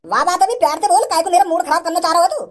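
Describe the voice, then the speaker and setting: A woman's voice: very high voice, very fast. A woman voicing a stern, short-tempered middle-aged father in a comedy sketch, mocking and threatening in rustic speech.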